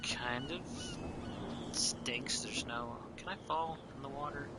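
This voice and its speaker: A man's voice: medium pitch, slow pace, heavy background noise. Mumbling male game streamer. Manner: mumbling, often drops to a whisper. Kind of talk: let's play commentary.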